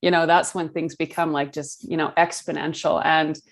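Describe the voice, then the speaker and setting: A woman's voice: low-pitched, flat delivery, moderate pace. A woman hosting a casual chat, speaking enthusiastically and filling her talk with you-knows. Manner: enthusiastic, warm praise, lots of you know. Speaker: host. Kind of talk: casual conversation.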